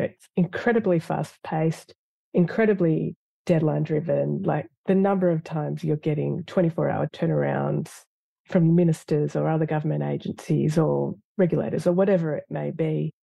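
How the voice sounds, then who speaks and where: Creaky, dark-voiced lawyer. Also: mid-range voice, fairly even intonation, moderate pace, dry recording. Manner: reflective, earnest, with frequent fillers. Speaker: award-winning government lawyer, interview guest. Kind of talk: interview answers.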